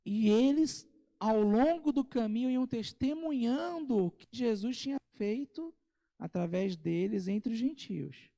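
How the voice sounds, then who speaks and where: A man with a Brazilian Portuguese accent leads a Bible study. He reads scripture slowly, then explains it in a casual way with asides and light humor. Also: very high voice, lively intonation, gravelly, mellow, big-room sound. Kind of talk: conversational Bible study teaching. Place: church.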